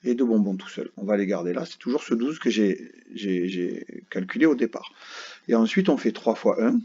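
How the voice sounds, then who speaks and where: Here a man's husky, dark voice sits on the low side, with lively intonation at a normal speed. He's a primary school teacher patiently guiding children through math step by step, frequently asking "d'accord?" to be sure they follow. The recording sounds dull and lo-fi.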